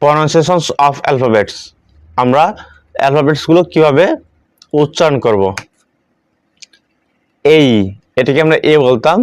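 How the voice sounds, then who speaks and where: A man teaching the English alphabet, saying each letter slowly and repeating it, in a steady classroom manner. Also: fairly high pitch, smooth. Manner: repeats each letter twice, slow and deliberate. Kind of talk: slow classroom instruction.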